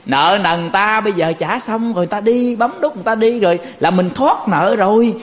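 A man with a Southern Vietnamese accent giving a Buddhist dharma talk in a folksy, animated way, acting out little quoted exchanges. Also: high voice, moderate pace. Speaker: Buddhist monk teaching.

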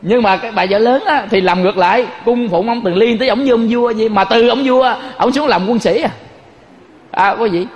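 A man's voice: extremely high pitch, a little fast, big-room sound. A man giving a folksy Buddhist sermon, telling stories and constantly addressing his listeners. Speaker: Buddhist monk teacher.

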